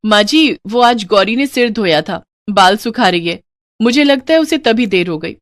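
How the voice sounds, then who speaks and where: A woman's voice: medium pitch, expressive, moderate pace, dry recording, studio quality, close to an everyday voice. A woman voicing a sly, mocking elder sister-in-law. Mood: covering.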